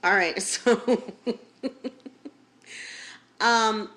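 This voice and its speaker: A woman's voice: fairly high pitch, fairly even intonation, a bit bright. A woman co-hosting a podcast in casual chat, joking and slangy. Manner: jokey, slangy, drawn-out delivery. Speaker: podcast co-host.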